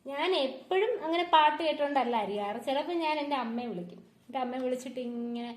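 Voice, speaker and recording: Woman, 30s, from Kerala, home vlogger and mother, fast talker, echoey kitchen, phone mic. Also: high voice. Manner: chatty, talks to viewers while chopping vegetables. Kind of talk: casual chatty home vlog. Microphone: phone propped up without a stand.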